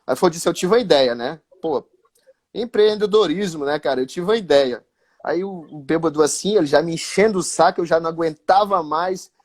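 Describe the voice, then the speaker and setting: Lively storyteller with a high voice. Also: male voice, a little fast. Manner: lively anecdotal, with many fillers like "né, cara". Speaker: former futsal goalkeeper telling a story. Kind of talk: casual live-stream storytelling.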